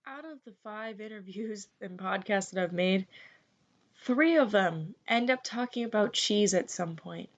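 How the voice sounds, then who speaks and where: A young American woman hosts a podcast, speaking at a medium pitch and a little slowly. She's chatty and enthusiastic in casual conversation, and the recording sounds dull and lo-fi.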